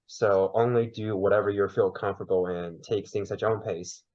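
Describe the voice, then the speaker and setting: A man from China, with Mandarin as his first language and a Mandarin accent, chats lively as a guest in a casual podcast interview, sometimes searching for words. His voice is low-ish and brisk, and the sound is lo-fi.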